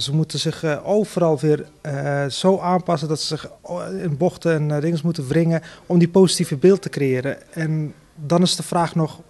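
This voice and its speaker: A man, a theater director, answering interview questions earnestly with many pauses and fillers. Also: on the high side, darkish tone.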